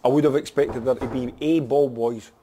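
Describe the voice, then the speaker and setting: A man's voice: medium pitch, steady tone, moderate pace, dark tone, slight background noise. A man with a Scottish accent, a football manager talking frankly after a match and often saying "you know". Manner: frank, plain-spoken, peppered with "you know". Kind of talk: post-match interview.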